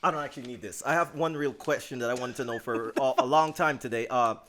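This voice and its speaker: A man's voice: mid-range voice, fast, a bit bright, a little hiss or hum. A man co-hosting a casual podcast, joking, teasing and swearing freely. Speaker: podcast co-host.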